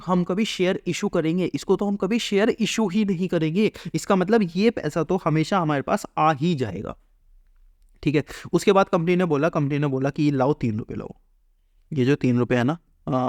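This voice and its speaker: A man's voice: on the high side, a little mellow, no echo, studio quality. Man teaching accounts, self-questioning. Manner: asks and answers his own questions, acts out the company's lines. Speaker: commerce teacher. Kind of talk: explaining an accounting lesson.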